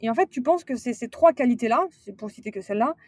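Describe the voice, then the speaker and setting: A woman's voice: a little high, lively intonation, fast talker, a little mellow, slightly rough, no room sound. Hesitant woman on a dry podcast mic. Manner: hesitant, many fillers and restarts. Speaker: guest, sales director turned manager. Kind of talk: casual interview conversation.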